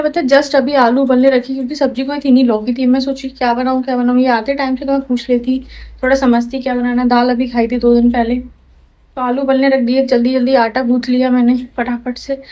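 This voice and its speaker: A woman's voice: sits high, darkish tone. A young woman, a new mother, chatting casually at home in a vlog, confiding and chatty. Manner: chatty, confiding, baby talk.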